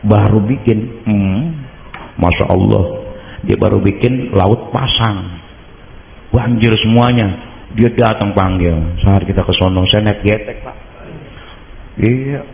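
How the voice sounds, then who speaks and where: A man with a Betawi accent preaching at a mosque study gathering, telling stories in casual speech and getting excited as he goes. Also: slow, gravelly, long pauses, slight background noise. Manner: storytelling in colloquial Jakarta speech, rising pitch in excited moments. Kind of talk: informal religious study talk. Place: mosque hall. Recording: roomy mosque hall, muffled sound.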